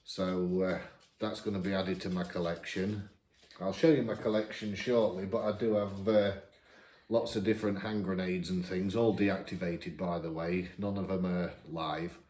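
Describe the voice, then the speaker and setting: A man in his fifties with a northern English accent, chatting casually as he answers viewer questions, each read out brighter. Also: low voice, steady tone, moderate pace, echoey room. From England. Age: 50s. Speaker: vlogger. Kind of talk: casual Q&A chat.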